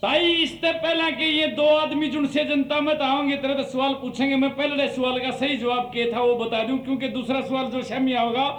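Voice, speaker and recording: A man's voice: very high voice, level tone, a little fast, few pauses, fairly bright tone, roomy sound. A man with a Haryanvi accent hosting a comic game show. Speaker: quiz show host.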